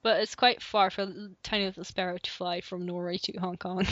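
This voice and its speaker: A woman's voice: fairly low pitch, flat delivery, a little fast, fairly bright tone, no echo. A young woman co-hosting a podcast over an online call, chatting in a giggly, rambling way with many restarts. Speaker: podcast co-host. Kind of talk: casual chat. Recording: dull lo-fi call audio.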